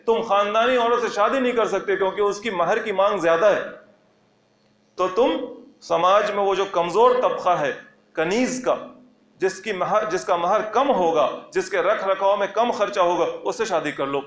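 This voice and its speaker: A man's voice: sits high, a bit bright, roomy sound. A man teaching a lesson on the Quran, reciting Arabic verses and then explaining them phrase by phrase with emphatic repetition. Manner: emphatic, repeats key phrases for stress. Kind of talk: religious lesson explaining scripture.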